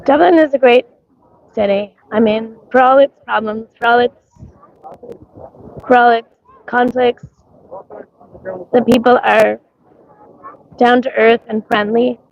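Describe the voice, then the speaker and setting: Speaking a little high with vocal fry, a woman with a mixed accent and a scratchy, cough-worn voice rambles in a casual livestream from an outdoor street parade. She greets viewers by name and says um often; there's no room sound and the highs are cut off.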